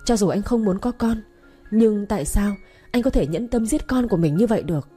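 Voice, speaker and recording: A woman's voice: medium pitch, lively intonation, quick pace, dark tone, husky. A woman voicing a hurt, furious young wife who accuses her husband in a raised voice, with faint music behind. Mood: tearful accusing.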